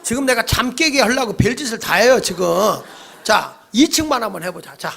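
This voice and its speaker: A male pastor delivering a lively, playful sermon in a church and leading the congregation in call-and-response. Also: very high-pitched, fairly quick, gravelly, breathy edge. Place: church sanctuary.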